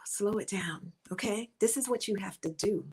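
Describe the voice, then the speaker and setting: A middle-aged woman speaks straight to a close webcam, earnest and encouraging, repeating her points like a coach. Her voice is a little husky at a middle pitch, and she sometimes sinks to a soft near-whisper. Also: normal speed, low-quality recording. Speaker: author and motivational speaker. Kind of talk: encouraging faith-based talk to camera.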